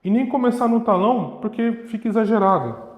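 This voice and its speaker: A man with a somewhat high voice teaches violin, explaining bowing and humming phrases to make his point. His voice rings through a room with a long reverb, and a violin plays faintly behind him. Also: expressive, a little fast, dull audio, soft background music. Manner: demonstrative, sings and vocalizes rhythms to illustrate. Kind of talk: explanatory music lesson. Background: violin playing.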